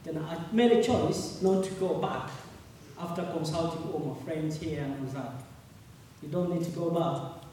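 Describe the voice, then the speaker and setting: Man, mellow voice in an echoey hall. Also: a little high, recorded from a distance, slight background noise. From Uganda. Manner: earnest, halting, repeats words. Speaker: speaker at a public meeting. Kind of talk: personal testimony.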